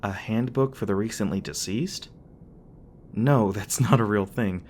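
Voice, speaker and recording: In this intimate ASMR roleplay, a man voices a flustered, tender young demon boyfriend who was secretly born human, hesitating and stammering in a bashful, slightly defensive way while sounding teasing and relieved. His natural voice is on the low side and darkish, with a measured pace and a little background noise.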